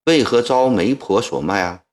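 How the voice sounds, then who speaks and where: A male storyteller voicing a stern elderly Qing viceroy who questions people in a measured, low, gentle way. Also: expressive, natural voice. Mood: grave, coaxing.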